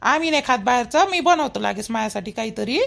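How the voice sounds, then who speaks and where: Fast, expressive, and gravelly, this woman's fairly high, slightly bright voice is a full character performance. With a Vidarbha Marathi accent, she voices a fussy but caring village-cartoon mother-in-law who keeps insisting and repeating herself homely-style.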